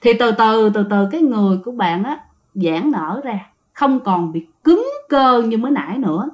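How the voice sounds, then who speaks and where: A woman's voice: on the high side, expressive, moderate pace. A woman telling a true ghost story casually, talking straight to her listeners. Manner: chatty, addresses listeners directly. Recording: dull lo-fi sound.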